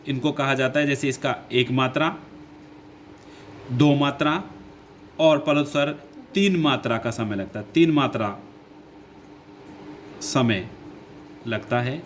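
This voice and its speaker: A man teaching a lesson at an unhurried pace. He repeats key points and poses questions that he then answers himself. His voice sits at a middle pitch, with faint background noise on the recording. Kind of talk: classroom lesson explaining grammar.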